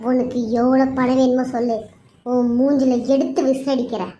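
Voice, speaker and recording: A woman's voice: sits high, level tone, moderate pace, mellow, muffled recording, slight background noise, lightly acted. A woman voicing a harsh, threatening mother-in-law in a cartoon serial. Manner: threatening, commanding.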